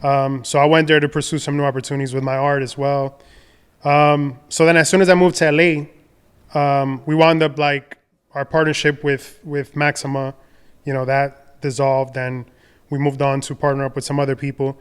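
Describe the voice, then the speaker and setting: A young adult man from the Dominican Republic, a podcast guest telling his career story in a relaxed, rambling way with many fillers and restarts. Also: mid-range voice, moderate pace, clear, resonant tone. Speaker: podcast guest, designer and entrepreneur. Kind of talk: casual conversational storytelling.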